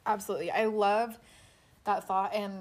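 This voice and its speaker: A woman's voice: mid-range voice, fairly even intonation. A woman co-hosting a casual chat, talking with many fillers and laughing easily, recorded on the floor under a blanket fort. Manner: chatty, quick to laugh, filler-heavy. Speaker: podcast co-host.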